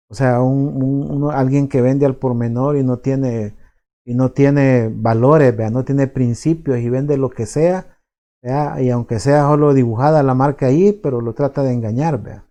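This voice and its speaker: A male pastor with a Salvadoran accent preaches in a loose, conversational way. He keeps checking in with tag questions and repeats words as he searches for them. His voice is mellow and of middle pitch. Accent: Salvadoran Spanish. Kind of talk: sermon.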